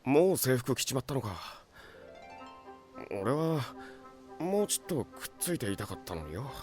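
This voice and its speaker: An actor playing a gruff, blunt tough man who talks rough, in an audio drama with music behind. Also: medium pitch, very animated, normal speed, close to an everyday voice.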